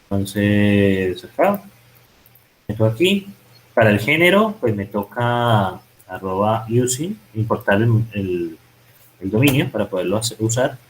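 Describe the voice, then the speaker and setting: A man's voice: on the low side, big pitch swings, unhurried, a little hiss or hum, low-quality recording. A man teaching programming, thinking aloud and correcting himself as he types code in a screen-recorded lesson. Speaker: programming instructor. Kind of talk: live-coding tutorial.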